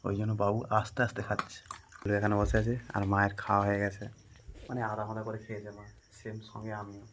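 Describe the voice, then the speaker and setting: Low-voiced Bengali man vlogging at home. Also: completely flat delivery, fast, a little hiss or hum. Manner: chatty, often drops to a hushed murmur, calls out loudly to his dog. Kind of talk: casual home vlog narration. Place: home, indoors.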